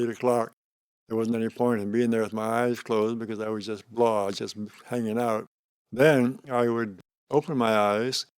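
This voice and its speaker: An older man giving an unscripted spiritual talk on meditation as a teacher, speaking slowly and calmly in short, deliberate phrases with pauses. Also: lowish voice, creaky, dry recording. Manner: slow, calm, deliberate delivery with pauses between short phrases.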